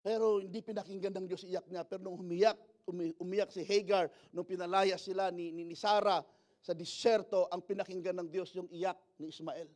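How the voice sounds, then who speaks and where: High-voiced pastor preaching with sudden loud emphasis. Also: male voice, steady tone, fairly quick. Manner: switches between soft asides and loud emphatic calls; calls out to the congregation for amens. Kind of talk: sermon.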